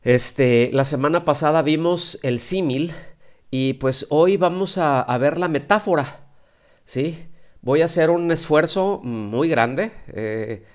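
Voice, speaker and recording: A man's voice: fairly high pitch, slow, smooth. A man teaching a church Bible study lesson over a video call, hesitant, with many fillers and restarts, checking in with listeners often.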